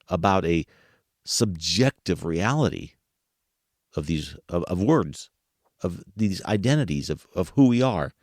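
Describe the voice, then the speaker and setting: With a deep, slightly mellow voice, an American man hosts a podcast, chatting informally with listeners, posing rhetorical questions and chuckling. It's a studio-quality recording with no room sound.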